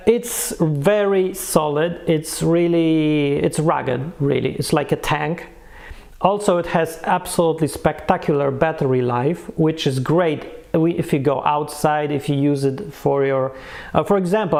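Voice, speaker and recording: A man who isn't a native English speaker gives a casual, unscripted product review, hunting for words and correcting himself. His voice is fairly high-pitched, gravelly and darkish in tone.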